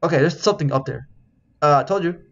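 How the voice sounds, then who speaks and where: A man's voice: on the high side, quick pace, creaky, lo-fi sound. A man casually reading a game's dialogue aloud while he plays, swearing, laughing and yelping when something startles him. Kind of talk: casual let's-play commentary.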